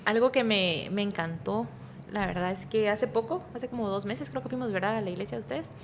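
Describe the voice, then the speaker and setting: A woman pastor with a Guatemalan Spanish accent chats casually on a podcast in a mid-range voice, talking a little fast with slight background noise. She rambles, interrupts herself, tags phrases with little questions, and describes herself as speaking softly but energetically; the studio podcast mic is kept at a distance.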